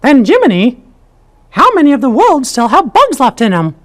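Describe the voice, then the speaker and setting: An actor voicing a small, brave, kindly mouse king in a cartoon video game, squeaky falsetto, reassuring and resolute. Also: wildly swooping pitch, moderate pace. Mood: explaining, sympathetic.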